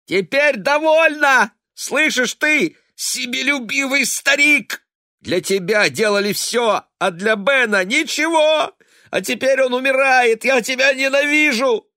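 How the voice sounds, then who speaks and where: A man's voice: very high voice, unhurried, pushed and bright, no echo, clean studio sound, pitched above the performer's own voice, heavily acted. A man voicing a grief-stricken young woman who screams accusations in fury, in an audiobook reading. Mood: furious.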